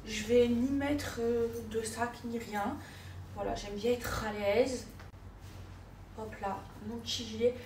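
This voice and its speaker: A woman's voice: on the high side, steady tone, takes it slowly, darkish tone, slight background noise. A woman in her thirties chatting casually to her followers in a vlog, filming herself on the go. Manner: chatty, keeps calling out to her viewers. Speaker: vlogger. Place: indoors then car and shops, mostly on the go.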